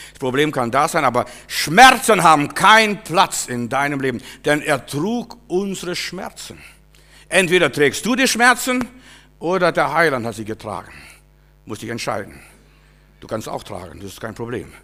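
A middle-aged man preaching a sermon, swinging from loud, high exclamations to quiet, low asides, often repeating and restarting words. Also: big pitch swings, normal speed.

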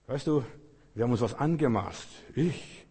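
A man preaching a sermon with emphatic swings between loud outbursts and quiet asides, acting out biblical speakers. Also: mid-range voice, normal speed, breathy edge, in a large hall. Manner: acts out biblical speakers in quoted lines.

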